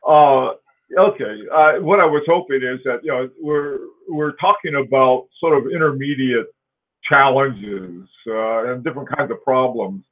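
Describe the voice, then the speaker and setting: On a tinny call line, a host in his 40s rambles through a casual live-stream chat, laughing often and full of fillers and restarts. His voice is medium-pitched and unhurried.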